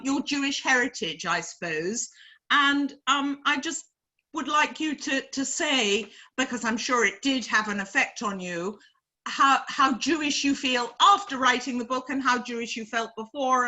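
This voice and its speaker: A woman with a bright, higher-pitched voice, moderating a panel discussion. She poses long, searching questions, peppered with "um" and small restarts. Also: low-quality recording. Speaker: moderator and biographer.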